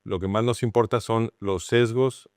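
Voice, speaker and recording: This interview features a middle-aged anthropologist from Mexico whose voice is fairly low and smooth, with fairly even intonation and a Mexican Spanish accent. His explanations are patient and measured, punctuated by frequent restarts as he works out his thoughts, captured in a dry, clean studio recording.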